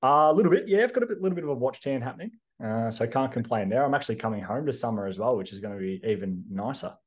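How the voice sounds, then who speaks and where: A man's voice: medium pitch, rapid-fire, husky. A young Australian man, a strength coach and podcast regular, chatting casually and easily with plenty of ums. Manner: relaxed, easygoing, with frequent ums.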